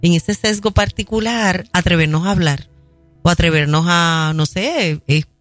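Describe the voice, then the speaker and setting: Mid-pitched co-host who keeps affirming the others, faint music in the background. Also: unhurried, fairly bright tone, no echo. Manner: frequent affirming interjections.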